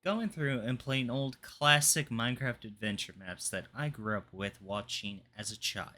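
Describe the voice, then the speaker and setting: A young adult hosting a gaming let's play, giving commentary and reading story text aloud in a halting, amateur dramatic way. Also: medium pitch, sharp tone. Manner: halting when reading, stumbles and repeats phrases.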